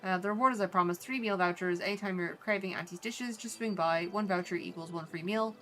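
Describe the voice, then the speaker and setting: A woman's voice: medium pitch, fairly quick, fairly bright tone, natural voice. An Irish woman voicing a kindly, motherly older female cook, reading game dialogue aloud. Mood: warm.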